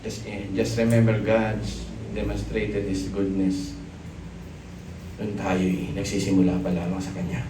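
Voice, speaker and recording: Filipino pastor preaching in an echoey church hall. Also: male voice, fairly low pitch, far from the mic, slight background noise. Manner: animated, switches between Tagalog and English, joking. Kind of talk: sermon.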